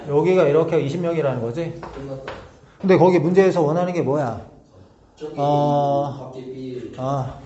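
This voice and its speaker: A man teaching a math lesson step by step, often pausing to check that students follow. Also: on the high side, dark tone. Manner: talks through steps slowly, checking in with tag questions. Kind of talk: whiteboard lesson walkthrough. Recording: roomy, slightly dull recording with faint noise.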